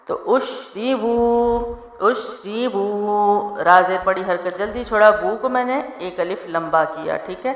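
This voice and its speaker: A woman teaching tajweed rules, spelling out letters and vowel marks and drawing out the recited words slowly, often asking if her listeners follow. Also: fairly low pitch, fairly bright tone, dull audio. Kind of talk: tajweed lesson. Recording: echoey room with long reverb.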